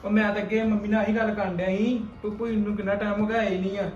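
A man's voice: high-pitched, level tone, highs cut off, faint music behind, lightly acted. A young man playing a farm family's son who soothes his aunt, in a scripted family drama. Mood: placating. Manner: soothing, quick-talking. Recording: echoey room.

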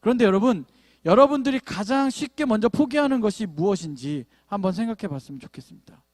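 Animated man preaching a sermon. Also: high voice, fast talker, dry recording, studio quality. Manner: animated storytelling with playful asides to the congregation. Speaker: pastor. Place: church sanctuary.

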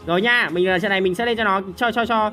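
A young man streams a game, his voice high-pitched, bright and sharp. He talks in quick bursts of repeated words and grumbles at his teammates. Faint game music plays behind him. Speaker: gaming streamer. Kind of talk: excited gameplay commentary.

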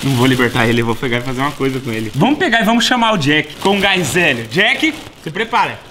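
A man's voice: fairly high pitch, very animated, fast talker, noisy background. A young man with a Brazilian accent vlogging casually, talking in slang to his viewers and his dog. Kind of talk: casual vlog talk. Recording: voice with loud background music.

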